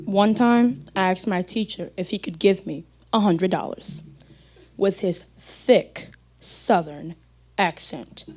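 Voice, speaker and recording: A woman's voice: mid-range voice, slow, a little mellow. A woman performing a storytelling monologue on stage with a dramatic delivery.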